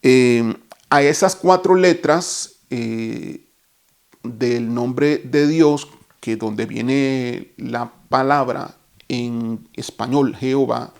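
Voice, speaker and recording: A man's voice: mid-range voice, very slow, gravelly. A man teaching a Bible lesson, explaining each term step by step and stopping to correct himself.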